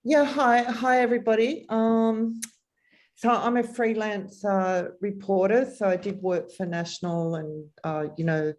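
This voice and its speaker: A woman's voice: medium pitch, fairly even intonation, unhurried, a little mellow. A woman working as a freelance reporter, introducing herself on a video call, enthusiastic but hesitant with many ums.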